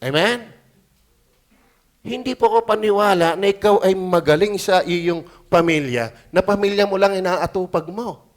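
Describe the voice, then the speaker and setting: A man with a notably high voice preaches a sermon in a church, pleading and then shouting his points. He stops often to ask the congregation "Amen?" and reads scripture in English slowly and deliberately. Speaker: pastor. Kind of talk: sermon at a prayer meeting.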